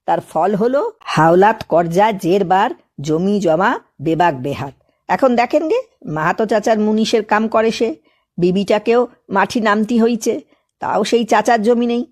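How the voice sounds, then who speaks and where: Storybook part: a woman playing a knowing, teasing village man, folksy and hinting, mid-pitched. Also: lively intonation, unhurried, a little mellow. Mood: confiding. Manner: folksy, addresses listener as babu. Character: sly rural man, laughing, full of hints.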